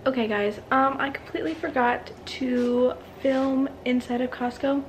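A woman's voice: sits high, steady tone, measured pace. Young female family vlogger, casual and rambling, recorded on a camera mic at home with faint room noise. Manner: chatty, rambling, with fillers and self-corrections. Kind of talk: casual vlog chat. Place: home bedroom, then kitchen.

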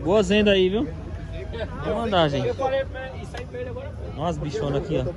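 A man with a fairly high voice chats his way through a crowded street market, haggling over prices and tossing out slangy jokes. He's recorded on a handheld phone, and the chatter of the crowd rises all around him. Sellers' voices mix into the noise. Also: expressive, moderate pace. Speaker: vlogger touring a street market. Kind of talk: casual market walkaround chat. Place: busy outdoor street market. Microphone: handheld phone camera.

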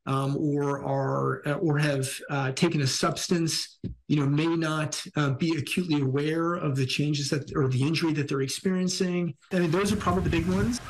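Halting man on a video call. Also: on the high side, steady tone, a little hiss or hum. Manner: halting, many fillers. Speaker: health official.

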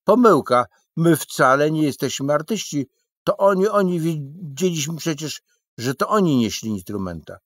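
A man's voice: fairly high pitch, a little slow, few pauses, dry recording, voice pushed up. A man doing a hot-headed blustering musician. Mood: protesting. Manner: excited, protesting.

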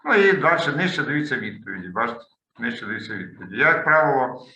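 Guy tutor on a video call, really bright sharp voice, echoey room, talks through slides. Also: medium pitch, sing-song, fast talker. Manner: explanatory, thinks aloud while clicking through slides. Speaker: language tutor. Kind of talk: online lesson walkthrough.

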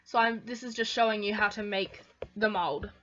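A woman's voice: medium pitch, fairly even intonation, normal speed, bright, forceful tone, highs cut off. Chatty young woman, distant echoey mic. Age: late teens. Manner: rambling, chatty, swears casually. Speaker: vlogger. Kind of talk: casual DIY tutorial. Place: home, at a table. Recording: roomy echo, voice distant from mic.

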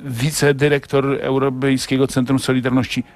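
A male radio host interviewing a politician in a morning studio, in an ironic, teasing way with quick pointed questions. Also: mid-range voice, level tone, dry recording.

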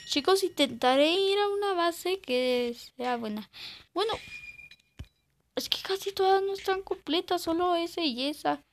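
A woman's voice: very high voice, lively intonation, measured pace, slight background noise. A woman gives casual, hesitant commentary while playing a game and sometimes squeals in panic. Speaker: gaming channel host.

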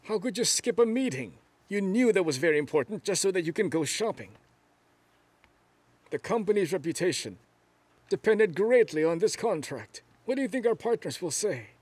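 A man's voice: sits high, sing-song, moderate pace, a little mellow, breathy edge, no room sound, full character voice. An actor dubbing a stern, angry older father who scolds his daughter-in-law. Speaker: dub actor. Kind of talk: drama dub.

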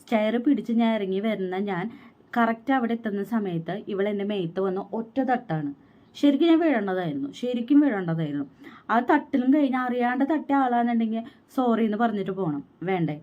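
A woman's voice: fairly high pitch, animated, muffled recording. A pregnant young woman, telling a personal story in a vlog and quoting what others said. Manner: fast, aggrieved storytelling with quoted dialogue. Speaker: vlogger.

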